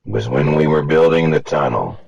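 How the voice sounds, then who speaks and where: A man voicing a gruff, grandfatherly old male steam locomotive in an audio story, speaking in a slow, weighty, rueful way with a booming, gravelly voice. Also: muffled recording, a crowd in the background. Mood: somber. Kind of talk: audiobook character voice.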